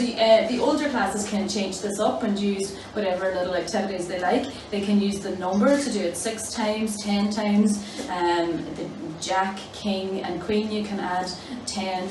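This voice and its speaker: A woman's voice: medium pitch, steady tone, moderate pace, hardly any pauses. Echoey woman instructing children from afar. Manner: simple, encouraging instructions addressed to children. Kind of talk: demonstrating a card exercise game for children. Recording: roomy, distant mic with clear background noise.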